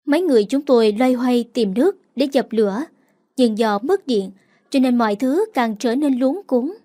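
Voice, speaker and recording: A woman's voice: fairly high pitch, lively intonation, moderate pace, warm tone. A woman narrating a dramatic first-person story aloud, reading with emotion.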